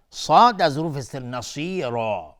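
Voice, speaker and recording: A man teaching tajweed on a TV lesson, reciting words slowly and then explaining the rules briskly, repeating words to show how they are said. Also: on the low side. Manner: repeats words to demonstrate pronunciation.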